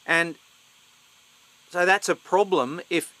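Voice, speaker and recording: A man on a video call, speaking in halting, broken-off phrases while his voice keeps cutting in and out over a bad connection. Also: sits high, pushed and bright, dry recording, poor audio. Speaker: video call meeting participant. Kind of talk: scripted dialogue.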